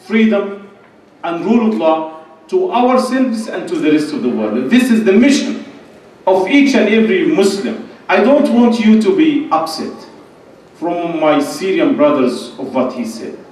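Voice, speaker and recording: A fairly high-pitched, slightly mellow male voice swings widely in pitch and moves a little slowly. The middle-aged man is a conference speaker at a podium in a large indoor hall, passionately pressing religious and political points in short, repeated phrases. An echoey, distant-mic recording.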